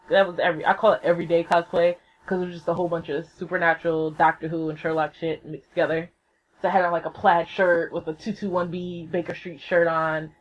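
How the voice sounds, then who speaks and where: Excitable, swearing young woman podcaster. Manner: excitable, swears freely, acts out quotes with big pitch jumps. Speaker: podcast host. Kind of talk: casual solo podcast storytelling. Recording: slightly dull lo-fi laptop recording.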